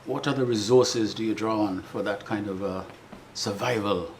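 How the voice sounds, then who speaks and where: An older man interviewing a guest in a live on-stage conversation, asking measured, probing questions at a talk venue. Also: on the low side, a little hiss or hum.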